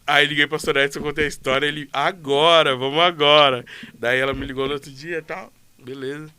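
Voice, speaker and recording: A man's voice: a little high, flat delivery, quick pace, bright, forceful tone, clean tone. A man telling a story in casual chat, playful and joking, acting out both sides of the dialogue. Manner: playful, jokey, acts out dialogue.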